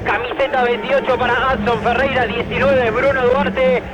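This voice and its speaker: A man reporting from the stadium for sports radio. He reads lineups in a steady, brisk way, and his voice comes through thin and muffled, like a tinny pocket radio. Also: very high-pitched, crowd noise, background noise. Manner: steady, brisk listing of names and shirt numbers.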